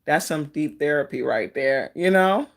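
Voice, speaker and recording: Casting: fortune-teller type, androgynous mid-pitched voice, slow reflective delivery, casual live card readings for named viewers. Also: animated, creaky. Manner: fortune-teller style, addressing people by name, reflective.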